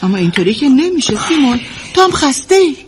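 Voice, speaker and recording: A woman's voice: high voice, sing-song, background noise. A woman playing a suspicious frightened wife. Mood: calm, tired. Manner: accusing, sharp questioning. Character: suspicious, frightened young wife at a lonely inn. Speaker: wife in an audio drama. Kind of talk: amateur audio drama acting.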